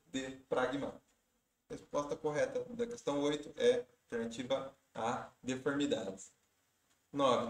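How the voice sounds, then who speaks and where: Man explaining exam questions, echoey room. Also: medium pitch. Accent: Brazilian Portuguese. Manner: explanatory, step-by-step, with tips. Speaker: exam prep teacher. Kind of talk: walking through exam questions.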